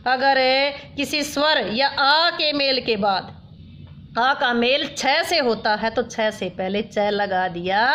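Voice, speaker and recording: A woman's voice: high-pitched, fairly bright tone. A woman teacher explaining grammar rules step by step, repeating each rule with worked examples. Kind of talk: grammar lesson. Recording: dull lo-fi sound.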